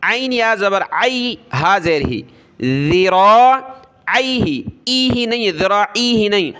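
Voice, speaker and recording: A man teaching Quran recitation letter by letter, spelling out letters and vowel marks, explaining pronunciation rules, and chanting the verses slowly. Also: high-pitched, lively intonation, pushed and bright.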